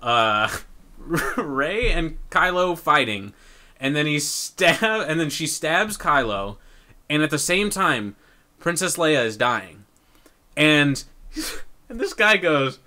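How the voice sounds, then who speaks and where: Animated, bright-voiced podcast guy. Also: fairly high pitch, slow. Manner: animated, profane storytelling with laughter. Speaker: podcast co-host. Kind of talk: casual chat.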